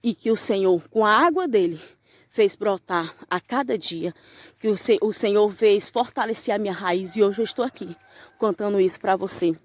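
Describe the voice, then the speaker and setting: A woman's voice: mid-range voice, moderate pace, no echo. A young woman giving a fervent evangelical testimony, telling her story and calling the listener "brother". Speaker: church member giving a testimony.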